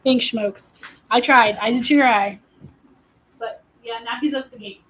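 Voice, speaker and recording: A woman's voice: fairly high pitch, measured pace, a bit bright, poor audio. A woman co-hosting a live stream, chatty and easygoing as she runs the camera. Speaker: co-host running the camera. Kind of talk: casual live-stream chat.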